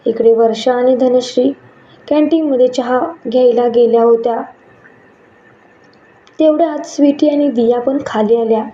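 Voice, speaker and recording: Woman narrating a story, dark echoey sound. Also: fairly high pitch, moderate pace, long pauses. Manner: reads dialogue lines in lightly shifted voices. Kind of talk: scripted story narration with character voices. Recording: muffled and echoey room.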